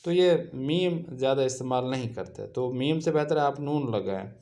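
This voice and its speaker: A man teaching a grammar lesson, explaining rules and spelling out example phrases slowly and deliberately. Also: medium pitch, mellow. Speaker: Persian language teacher.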